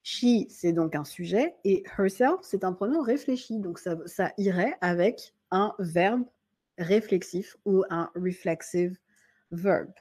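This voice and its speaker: Speaking in French, a woman teaches an English grammar lesson, patiently repeating key points and reading example sentences slowly. She is friendly and informal, addressing the viewer as tu. Her voice is mid-range, husky and darkish in tone.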